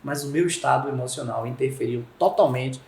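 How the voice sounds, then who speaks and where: A man with a Brazilian Portuguese accent, a podcast guest explaining communication through lively stories and acted-out dialogue. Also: mid-range voice, fairly quick, vocal fry, echoey room. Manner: animated storyteller acting out quoted dialogue. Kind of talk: conversational podcast interview.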